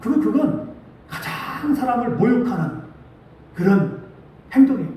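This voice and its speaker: A man preaches from the pulpit of a church, his high voice carrying through a very reverberant hall. He throws rhetorical questions at the congregation and acts out quoted lines with rising emphasis. He sounds a little distant from the microphone. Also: sing-song, normal speed, mellow. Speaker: pastor. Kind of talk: sermon. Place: church sanctuary.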